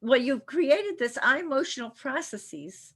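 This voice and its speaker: A woman's voice: high-pitched, animated, measured pace, fairly bright tone. A woman hosting a podcast interview and asking eager, curious questions. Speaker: podcast host.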